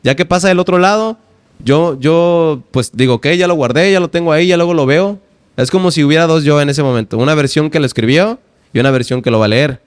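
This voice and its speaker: A man's voice: fairly high pitch, a little fast, no echo, clean studio sound. A man in his twenties with a Mexican accent, a poet and teacher, talking in a casual podcast interview, acting out his own quoted lines as he tells stories. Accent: Mexican Spanish. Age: 20s. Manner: animated storyteller who acts out his own quoted lines. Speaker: guest poet and language teacher.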